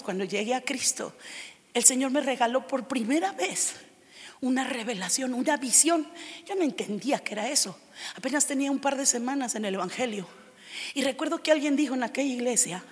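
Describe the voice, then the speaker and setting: High-voiced woman preaching in a hall. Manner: expressive, shifting between loud declarations and hushed intimate tones. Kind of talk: sermon.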